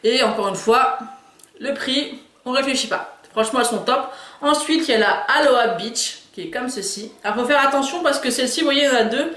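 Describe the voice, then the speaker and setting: A woman's voice: high-pitched, a little fast, fairly bright tone, reverberant. A woman chatting enthusiastically about store purchases in a casual haul video, hesitating often. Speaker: beauty and lifestyle YouTuber.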